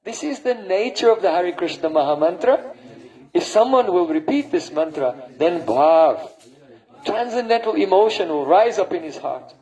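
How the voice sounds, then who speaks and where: A man's voice: high voice, expressive, moderate pace, darkish tone, rough recording. A man, a spiritual teacher, giving a devotional lecture and often checking in with his listeners with a questioning "hmm?". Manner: breaks into sung and chanted verses.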